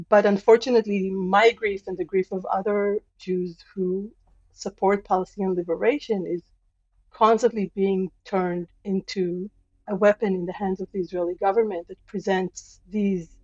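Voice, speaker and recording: A woman historian answering interview questions in an earnest, measured, emphatic way. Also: mid-range voice, a little mellow, no echo, lo-fi sound. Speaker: guest, historian professor.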